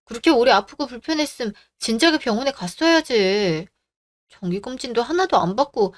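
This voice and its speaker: A woman's voice: fairly high pitch, expressive, normal speed, lightly acted. Woman as a caring, insistent daughter. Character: caring, worried grown daughter. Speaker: daughter and wife. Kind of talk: radio drama acting.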